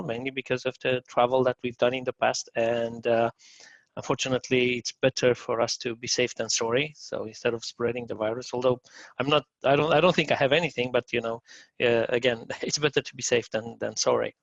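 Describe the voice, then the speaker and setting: A man, giving a technical conference talk, halting with many fillers and restarts. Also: mid-range voice, flat delivery, gravelly, dry recording. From Romania. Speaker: conference speaker. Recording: dull lo-fi dry recording.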